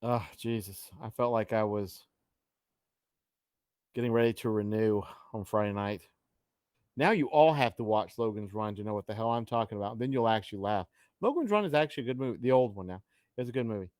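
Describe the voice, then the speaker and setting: A middle-aged man co-hosting a casual live stream, joking with loose, trailing asides and frequent exclamations. His voice sits low. The sound is dry and close, with no room around it. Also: animated, a little fast, darkish tone, no echo. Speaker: live chat co-host.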